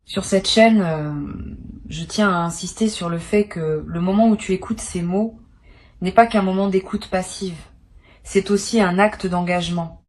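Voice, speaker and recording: A woman giving a spiritual tarot reading, speaking to the listener in a calm, measured and reassuring way. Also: medium pitch. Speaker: tarot reader.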